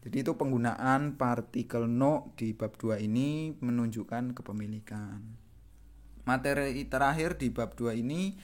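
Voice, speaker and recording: An Indonesian-accented man explains grammar at a steady pace, with a patient and repetitive teaching manner. He circles back to each point and checks in with the learners as he goes. His pitch sits in an ordinary middle range. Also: unhurried. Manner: patient, repeats points often with "gitu ya". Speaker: Japanese language teacher.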